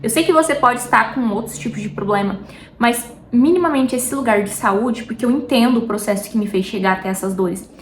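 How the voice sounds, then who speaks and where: A woman with a Brazilian Portuguese accent talks in a slightly high voice, chatty and heartfelt, as she addresses viewers intimately in a casual faith vlog. She often drifts off topic mid-thought. The room gives her voice a clear echo, with faint noise behind it. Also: a little fast. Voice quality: warm, intimate, talks directly to viewers as "meu amor". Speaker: vlogger.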